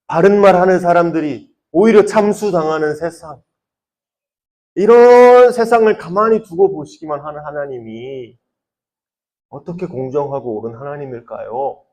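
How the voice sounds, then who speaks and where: A young man, a youth pastor, preaching to teenagers in a conversational way, asking many questions and often dropping to a soft, quiet voice. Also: fairly high pitch. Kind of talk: sermon to teenagers.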